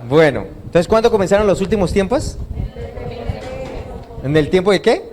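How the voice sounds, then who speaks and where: A man's voice: sits high, lively intonation, normal speed, darkish tone, a little hiss or hum. A male pastor preaching an interactive sermon, asking his congregation questions and having them call out and repeat the answers. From Colombia. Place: church hall.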